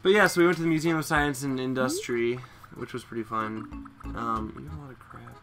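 A woman's voice: extremely low pitch, fairly quick. A young woman hosting a casual let's play, chatty and teasing as she rambles through the game. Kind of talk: casual gameplay chat. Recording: game music playing behind.

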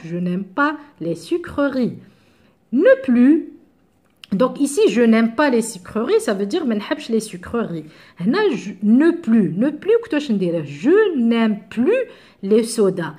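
A woman's voice: a little high, warm tone. A woman with an Algerian accent teaching French grammar to middle-school students, explaining step by step with examples and switching into Arabic to clarify.

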